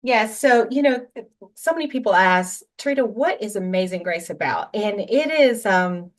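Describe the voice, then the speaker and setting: A woman, the executive producer and writer, speaking casually and warmly on a video call, saying "y'all". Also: mid-range voice, expressive, normal speed. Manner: warm and casual, uses y'all.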